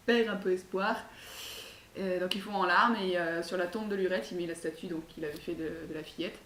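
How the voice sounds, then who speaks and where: A woman telling a folk tale in a casual, chatty way, full of hesitant fillers and asides. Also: lowish voice. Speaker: storyteller. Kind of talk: casual oral storytelling. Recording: echoey room, far mic, faint hiss.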